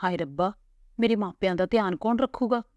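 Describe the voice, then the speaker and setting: A woman's voice: medium pitch, brisk, darkish tone, dry recording, muffled recording, lightly acted. A woman voicing a heartfelt young bride-to-be. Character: young bride-to-be daughter, emotional.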